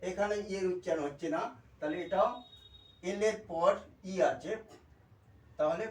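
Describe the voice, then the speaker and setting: A Bengali-accented man gives a pronunciation lesson in a high voice. He spells out letters and repeats example words, checking in often with an "okay". He sounds set back from the mic in an echoey room. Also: measured pace, distant mic. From India. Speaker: English teacher. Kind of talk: spoken language lesson.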